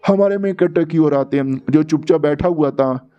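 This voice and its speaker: Slangy male recap narrator, higher-pitched yet mellow, dull lo-fi track with faint music. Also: fairly quick, clear, resonant tone. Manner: colloquial, slangy, chatty. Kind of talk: casual storytelling recap.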